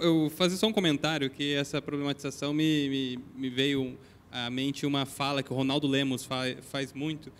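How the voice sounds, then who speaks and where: A man's voice: mid-range voice, a little hiss or hum. Stammering male panelist at a conference. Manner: hesitant, stammering restarts. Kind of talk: panel discussion comment. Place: conference hall.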